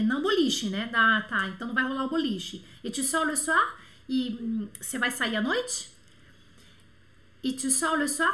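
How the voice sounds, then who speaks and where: A woman with a Brazilian accent teaching a French lesson online, animated and affectionate, fond of little diminutives. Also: on the high side, roomy sound. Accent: Brazilian Portuguese.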